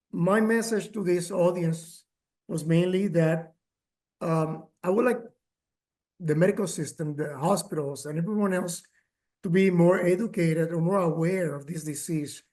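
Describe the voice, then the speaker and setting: Guy telling his caregiver story at a workshop, lots of uhs, emotional, kinda high voice. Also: darkish tone. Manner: halting, many fillers and restarts, emotional. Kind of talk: personal testimony, remote talk.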